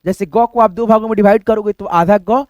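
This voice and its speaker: A man's voice: high-pitched, a little fast, no echo, muffled recording. A man teaching a spelling lesson, explaining step by step, repeating each letter and calling viewers his friends. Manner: steady explaining, constantly addresses viewers as friends. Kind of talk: screen-based spelling lesson.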